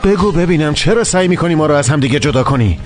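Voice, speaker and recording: A man's voice: fairly high pitch, animated, faint music behind, lightly acted. A man dubbing an angry young man who interrogates and threatens. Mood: menacing. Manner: menacing, interrogating. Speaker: dubbing actor. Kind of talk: dubbed TV drama.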